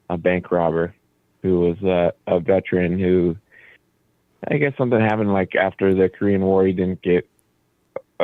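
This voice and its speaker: A deep-voiced man whose first language is Croatian, a band leader, chats as a guest in a casual radio interview, explaining things at length with easy fillers. The recording is dry and narrow, like a phone, with no echo.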